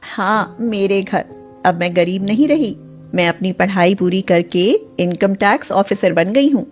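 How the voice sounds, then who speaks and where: A woman voicing a gentle, tearful poor young woman, pleading and soft-hearted. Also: high-pitched, measured pace, faint music behind, pitched above the performer's own voice. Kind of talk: storybook voice acting.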